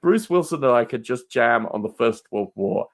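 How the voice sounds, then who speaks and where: On a podcast, a male guest with a mid-range voice banters in a loose, digressive way. He speaks at normal speed with an expressive delivery and vocal fry, stressing points emphatically and drifting into mild exasperation.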